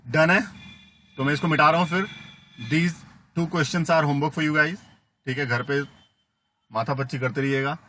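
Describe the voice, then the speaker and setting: A man teaching math in a classroom lecture, often asking "है ना?" to check understanding and gently teasing students. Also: fairly high pitch, fairly even intonation, a little slow, long pauses, slight background noise. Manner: coaxing, asks "है ना?" and "ठीक है?" after each step; playful teasing of students, calls them बेटा. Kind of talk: classroom lecture mixing Hindi and English.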